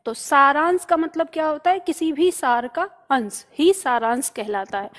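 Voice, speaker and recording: A woman teaching a spelling lesson, patiently drawing words out slowly and checking in often with her students. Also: high voice, long reverb tail. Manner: instructive, stretches words out slowly when spelling them. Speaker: Hindi teacher.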